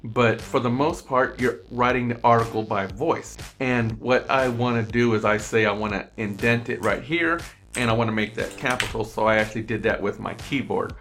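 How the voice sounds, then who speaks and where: A man's voice: mid-range voice, moderate pace, a bit bright, slight background noise. A man explaining a computer task step by step in a screen-recorded tutorial, repeating himself as he goes, on a desk microphone at his computer. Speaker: online tutorial presenter. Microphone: USB desk microphone.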